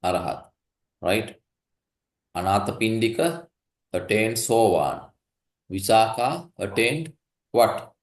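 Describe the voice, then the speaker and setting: Male tutor from Sri Lanka, slow and patient, recorded in a reverberant room. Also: lowish voice, animated. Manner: slow, explanatory, checks understanding with "right?". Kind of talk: one-on-one tutoring, reading a story aloud. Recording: echoey room.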